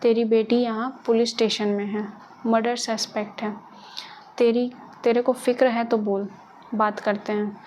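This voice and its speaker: A woman's voice: a little high, flat delivery, measured pace, a little mellow, slight background noise, natural voice. A woman voicing a harsh small-town female police inspector who speaks curtly and bossily. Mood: scolding. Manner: curt, bossy, scolding.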